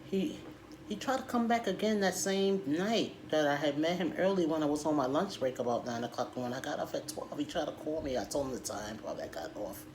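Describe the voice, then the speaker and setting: A middle-aged woman telling a personal story in a casual, halting, animated, conversational way. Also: low-pitched. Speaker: storytime vlogger. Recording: clear background noise.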